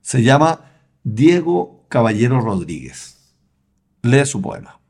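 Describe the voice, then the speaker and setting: A man's voice: medium pitch, sing-song, takes it slowly, creaky, a little mellow. A man co-hosting a podcast, introducing segments in an easygoing, appreciative way. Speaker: co-host.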